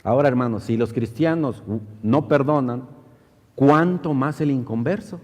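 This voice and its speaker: A middle-aged man preaching a sermon as pastor, telling stories and acting out the people in them. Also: moderate pace. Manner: storytelling, acts out quoted voices with rising pitch. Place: church hall. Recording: church hall reverb.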